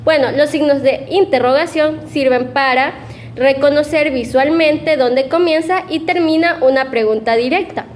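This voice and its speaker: A woman's voice: high voice, normal speed, a little hiss or hum. A young woman giving a class presentation, explaining step by step with fillers and self-corrections. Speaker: student presenter.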